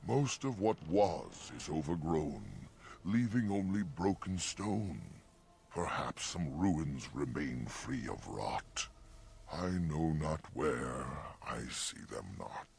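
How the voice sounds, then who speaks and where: A man voicing an ancient, gentle, solemn talking oak tree in a fantasy game, speaking archaic rhyming couplets. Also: extremely low pitch, sing-song, slow pace, vocal fry, slight background noise, full character voice. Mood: somber, reflective.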